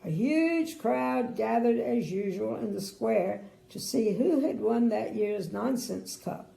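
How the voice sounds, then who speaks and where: An older woman, a sweet grandmotherly storyteller with a creaky voice, reads a bedtime story expressively and adds chatty asides. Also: on the high side, animated, slow pace, dark tone. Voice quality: creaky, gravelly. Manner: sweet old lady, grandmotherly. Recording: roomy indoor echo.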